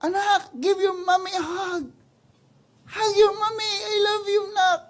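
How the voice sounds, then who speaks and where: A male preacher voicing a mother who softly and slowly coaxes her small child to come to her, close to tears. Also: extremely high pitch, little pitch movement, pitched above the performer's own voice. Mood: tender pleading.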